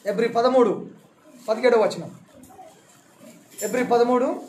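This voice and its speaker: A man with a strikingly high voice delivers a sermon as pastor, reading scripture aloud and driving his points home by repeating them. He asks his congregation direct questions as he goes. The recording is roomy and echoey, with a faint hum of room noise behind him. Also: a little slow, a little mellow. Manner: repeats key phrases for emphasis. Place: church hall.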